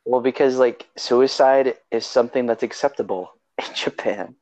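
A man's voice: mid-range voice, moderate pace, darkish tone, dry recording. A young man hosting a podcast in casual chat, joking and laughing often as he rambles. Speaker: podcast host. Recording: slightly dull, dry sound.

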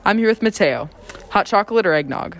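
A young woman hosting a school segment with rapid-fire questions, delivered as short scripted presenter lines. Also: medium pitch, lively intonation. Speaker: student host.

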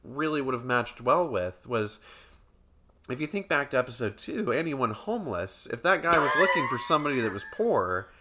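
Lively bright-voiced man joking around. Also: medium pitch, normal speed, slight background noise. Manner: playful, joking in wordplay. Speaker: podcast co-host. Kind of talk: casual comedic chat.

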